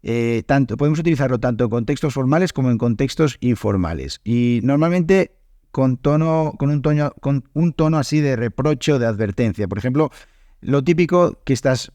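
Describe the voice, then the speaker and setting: Hoarse Spanish man teaching a lesson. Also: mid-range voice, darkish tone, no room sound. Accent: Spain Spanish. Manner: explanatory, many fillers and checks. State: hoarse, losing his voice. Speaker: Spanish teacher, podcast host. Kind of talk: podcast language lesson.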